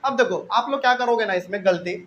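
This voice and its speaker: A man's voice: high-pitched, fast, fairly bright tone, muffled recording, slight background noise. A man teaching a math lesson, explaining step by step and asking questions before answering them himself.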